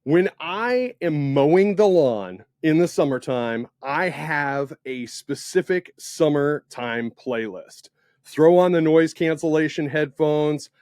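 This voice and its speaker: A man hosting a podcast in a casual interview, talking with enthusiasm and big swings in loudness. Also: on the high side, animated, slow pace, no room sound, clean studio sound. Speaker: podcast host.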